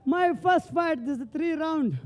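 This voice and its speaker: This man is a fighter giving a post-fight interview at a live event. He is a non-native speaker who talks in halting, broken fragments. His pitch is very high for a man and his tone is mellow. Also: a little hiss or hum. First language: not English. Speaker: MMA fighter being interviewed.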